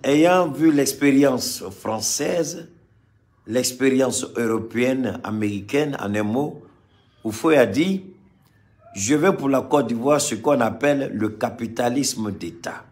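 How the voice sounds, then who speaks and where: A Malian man delivers fiery political commentary before a live crowd, repeating phrases for effect and moving between loud and soft. His voice sits in the mid range, and he speaks slowly.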